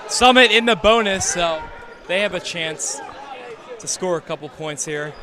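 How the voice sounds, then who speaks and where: A man giving live basketball color commentary in a crowded school gym, chiming in with short analysis shouted over the crowd. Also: sits high, a little slow. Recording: loud gym crowd behind.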